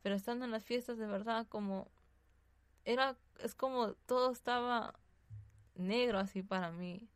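A woman's voice: a little high, moderate pace, clear, resonant tone, no room sound. A woman giving a hesitant personal testimony as a radio guest, tagging her sentences with "así, ¿no?". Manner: soft-spoken, hesitant storytelling.

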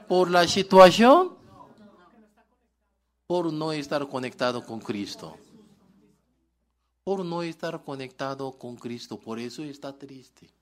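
A man's voice: fairly high pitch, expressive, slow, long pauses. A male pastor preaching a sermon in broken, article-dropping Spanish, asking the congregation questions and answering them himself.

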